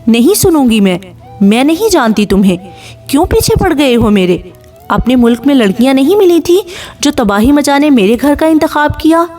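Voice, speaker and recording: A woman's voice: sits high, animated, darkish tone, soft background music. A woman voicing a distraught young woman who pleads on the phone, tearful and strained. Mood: pleading.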